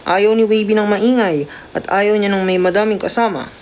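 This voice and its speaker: A livestream host chatting casually to viewers about a pet cat, at times slipping into a high coaxing baby voice for the cat. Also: moderate pace, a little hiss or hum. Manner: chatty, keeps addressing viewers.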